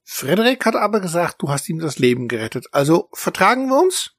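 A man voicing a wary little scout mouse in a storybook that speaks in a brisk, guarded way. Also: sits high, sing-song, no room sound, studio quality, voice pushed up.

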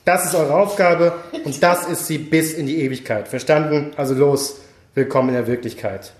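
A man's voice: a little high, moderate pace, close to an everyday voice. A man voicing a cruel male teddy-bear overseer of a work camp, giving mocking orders. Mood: cold commanding. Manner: commanding, mocking speech to workers. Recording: roomy echo.

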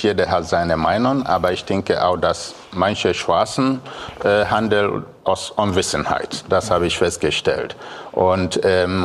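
A man tells a story as a talk show guest, in a low voice with a gravelly, creaky edge. He speaks calmly and hesitantly, pausing on filler sounds. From Biafra, Nigeria. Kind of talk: telling an anecdote on a TV talk show.

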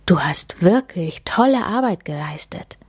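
A woman's voice: on the low side, expressive, measured pace, darkish tone, husky, no echo, heavily acted. Jack, a woman voicing a kindly snowman spirit. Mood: gentle. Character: friendly magical male snowman spirit. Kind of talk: storybook read-aloud.

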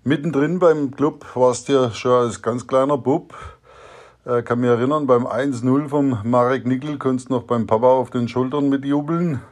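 A man's voice: mid-range voice, steady tone, moderate pace, darkish tone. A man, a father recording a fond, reminiscing message to his son, with some hesitant fillers.

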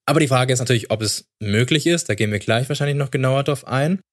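A man's voice: medium pitch, quick pace. A man of thirty, a podcast guest chatting casually about how he started training. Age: 30s. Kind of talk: casual interview talk.

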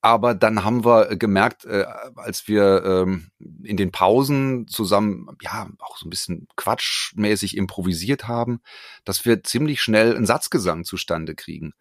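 Very low man in his forties, relaxed interview guest, hesitant, dry sound. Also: normal speed, dry recording. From Frankfurt, Germany. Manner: relaxed, hesitant with many fillers. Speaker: guest, a cappella performer. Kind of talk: casual interview. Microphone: remote call.

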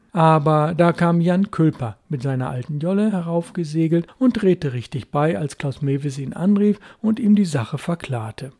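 A man reading a story aloud as an audiobook narrator, in a steady, measured style. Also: a little high. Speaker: audiobook reader.

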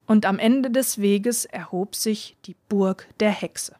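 A woman reading a children's storybook aloud in a clear, measured way. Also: mid-range voice, warm tone, dry recording, studio quality. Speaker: reader.

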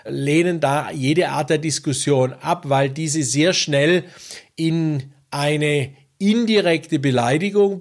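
A man working as a coach, giving a measured, deliberate interview answer with occasional hesitations. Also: fairly high pitch.

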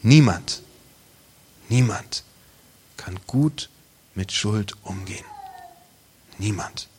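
A man preaching a sermon, emphatic and direct, asking rhetorical questions and dropping to hushed tones for weight. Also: lowish voice, expressive, drawn-out words, slightly rough.

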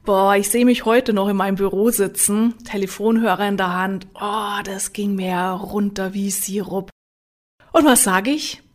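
A woman coach talks to the listener in a motivational self-help style. Her delivery is lively, and she keeps asking direct rhetorical questions. Her pitch sits in an ordinary middle range. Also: moderate pace, hardly any pauses.

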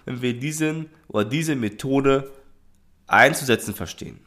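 A man delivers an instructional talk on safety communication. He speaks to the listener directly and conversationally, working through examples and checking in with quick tag questions. His voice sits in an ordinary middle pitch. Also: a bit bright. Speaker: trainer in workplace safety communication.

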